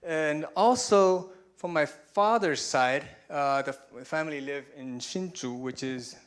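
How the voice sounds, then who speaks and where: Slow and clean in tone, with a voice that runs a little high, a Taiwanese man in his forties talks from a conference room stage. The talk is chatty and self-mocking, accompanied by slides, and he chuckles at his own jokes.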